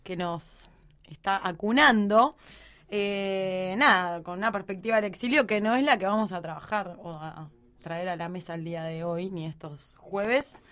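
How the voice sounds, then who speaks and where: A woman's voice: medium pitch, unhurried, a bit bright. A woman hosting a radio talk show, chatty and loose, with fillers. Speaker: host.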